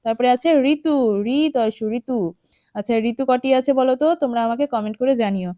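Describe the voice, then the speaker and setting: Female primary teacher, West Bengal Bengali accent, gentle coaxing lesson voice, soft mellow tone. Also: on the high side, fairly quick, no echo, studio quality. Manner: patient, coaxing, checks in with "ঠিক আছে?". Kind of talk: children's textbook lesson, spelling words aloud.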